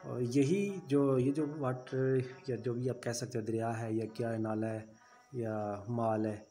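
A man's voice: medium pitch, warm tone. A man giving a casual travel voice-over, chatty and full of route tips for viewers. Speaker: travel vlogger.

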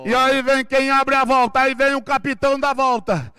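A Brazilian man giving rapid live commentary on a roping event, making excited, urgent repeated calls. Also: very high voice, clear, resonant tone. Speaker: rodeo roping announcer.

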